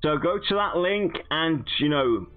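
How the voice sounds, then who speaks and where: A man's voice: a little high, animated, a little slow, phone-quality sound, over music. A man hosting a casual debate show, chatting and bantering with his co-host. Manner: bantering, mock-indignant when interrupted. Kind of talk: casual podcast chat.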